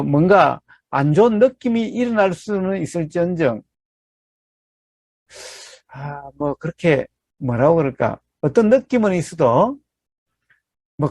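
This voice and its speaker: A man teaches meditation in a slightly high, gravelly voice, speaking as in a Buddhist dharma talk. He builds his point step by step, asking rhetorical questions and checking in with his listeners. The sound is dry and close, with no room echo. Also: darkish tone.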